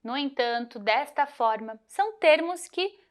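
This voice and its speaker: A woman teacher guiding students through a grammar lesson, clear and methodical, slowing to spell out example words. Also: high voice, animated. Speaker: Portuguese teacher. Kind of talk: recorded lesson walkthrough.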